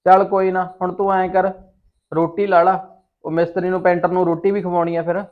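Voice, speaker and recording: A man's voice: high voice, level tone, brisk, lightly acted. A man as a lecturing village husband. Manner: lecturing, scornful tone. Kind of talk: amateur short-film acting. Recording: dull lo-fi sound.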